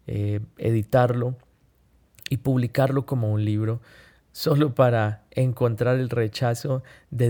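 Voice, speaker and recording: A man hosting a podcast, telling a story, often pausing on "eh" and correcting himself. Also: medium pitch, warm tone. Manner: unhurried, with frequent "eh" fillers and self-corrections. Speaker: podcast host. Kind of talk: reflective storytelling monologue.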